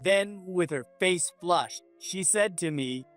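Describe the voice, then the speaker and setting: A man narrating a scripted first-person story in an even, measured way. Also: high-pitched, soft background music.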